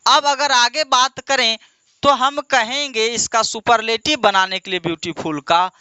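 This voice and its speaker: Man teaching grammar with high, bright voice. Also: clean tone, dry recording. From India. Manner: asks questions and answers them himself, drawn-out repetition; addresses students as "my dear". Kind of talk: classroom lesson with call-and-response drills.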